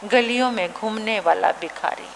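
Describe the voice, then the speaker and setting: A woman nun preaching a sermon and telling a story, slow and emphatic, who repeats her phrases. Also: mid-range voice, vocal fry. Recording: reverberant hall, faint background noise.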